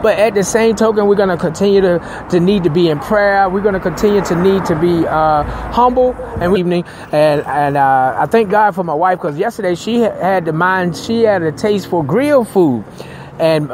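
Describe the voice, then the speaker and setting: A man's voice: sits high, a little hiss or hum. A middle-aged man with a Southern US accent, a pastor hosting his own radio talk show in a loose, rambling way with many restarts and amens. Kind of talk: casual talk radio monologue.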